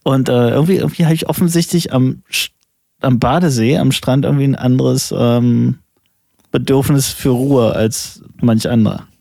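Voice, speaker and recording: A man from Germany co-hosting a casual chat podcast, telling a story in a relaxed way and often agreeing with his partner. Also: mid-range voice, moderate pace, vocal fry, no echo, clean studio sound. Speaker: podcast co-host.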